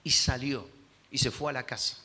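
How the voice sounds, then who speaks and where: A man's voice: mid-range voice, fairly even intonation, normal speed, sharp tone. A male pastor with an Argentine accent preaching a sermon, telling a story dramatically and acting out the voices. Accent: Argentine Spanish.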